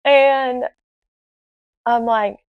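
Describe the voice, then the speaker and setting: A young woman telling a personal story in an animated, excitable way, acting out the dialogue. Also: high-pitched, very slow, clean tone, dry recording, phone-quality sound. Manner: many restarts and fillers. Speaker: podcast guest. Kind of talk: casual storytelling.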